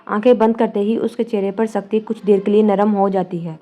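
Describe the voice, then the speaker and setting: A woman narrating a novel as an audiobook, in a calm, even storytelling manner. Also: medium pitch. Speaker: novel reader.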